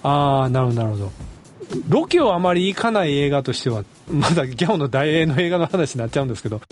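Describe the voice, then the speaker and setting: A man with a Kansai accent hosting a casual film chat, chatty and quick with backchannels. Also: on the high side, lively intonation, soft background music. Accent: Kansai Japanese. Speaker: podcast host.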